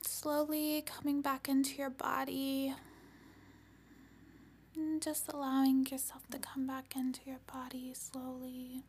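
A woman leading an ASMR-style guided healing meditation in a serene, soothing voice, breathy and often whispered. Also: high voice, completely flat delivery, slight background noise. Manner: serene, soothing, slow and gentle delivery.

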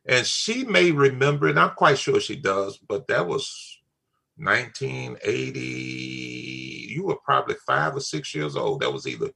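A man's voice: mid-range voice, very animated, a little slow, gravelly, sharp tone, husky. An older man, talking in a casual family chat, emphatic and repeating his key phrases. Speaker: father on a family talk show.

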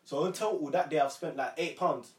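A man's voice: a little high, brisk. Young London roadman, roomy distant recording. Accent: London roadman, multicultural urban slang. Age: young adult. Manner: slangy London roadman talk, rambling. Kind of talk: casual banter and storytelling. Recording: roomy, distant mic, faint background noise.

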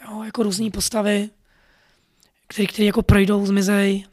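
A man's voice: sits high, monotone, darkish tone, no room sound, studio quality. A man telling a personal story in an earnest, rambling way, full of fillers. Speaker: podcast storyteller.

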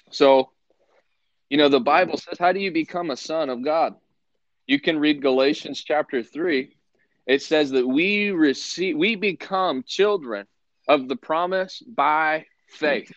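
A man's voice: on the high side, fairly bright tone, no echo. Male preacher, live broadcast, earnest and conversational, quotes scripture, dull dry recording.

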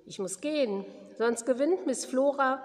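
A woman reading the lines of a sheepish, sly male card sharp in her own voice. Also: sits high, a little slow, voice pushed up. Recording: long hall reverb.

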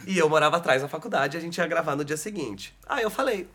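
A man telling a personal story as a guest, animated and dramatic, laughing often. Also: a little high, fast talker. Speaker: guest, actor and author. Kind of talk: casual storytelling.

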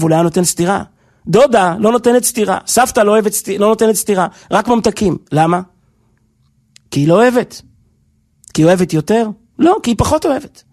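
Very high-pitched impassioned preaching man. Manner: impassioned, swings between soft and loud. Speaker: rabbi. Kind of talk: sermon.

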